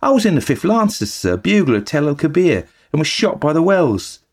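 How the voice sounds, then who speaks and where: A man voicing a young Cockney bellboy who talks in rough working-class speech, full of sirs. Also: a little high, sing-song, a little fast, a little mellow, voice pushed up, full character voice. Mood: earnest. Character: young Cockney bellboy, plain-spoken and earnest.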